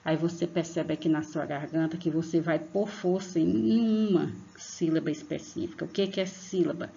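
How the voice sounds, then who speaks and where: In dull, lo-fi online class audio, a woman teacher patiently leads children through a lesson, stretching and stressing example words and speaking to them as "tia". Her voice sits low, gravelly and dark, with fairly even intonation at a moderate pace.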